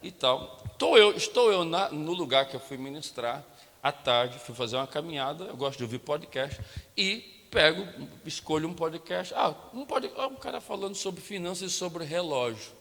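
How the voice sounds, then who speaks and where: A man preaching from a church platform with a Brazilian Portuguese accent, his voice pitched a little high and bright with forward edge. He tells his story animatedly, acting out each exchange and calling out to the congregation. The sound carries a long sanctuary reverb. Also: lively intonation, normal speed. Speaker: pastor. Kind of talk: storytelling sermon.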